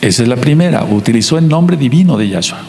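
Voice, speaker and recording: Mexican preacher in an echoey hall. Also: male voice, medium pitch, lively intonation, warm tone, a little hiss or hum. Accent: Mexican Spanish. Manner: teaching, repeats points, slows to stress words. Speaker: pastor. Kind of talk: sermon.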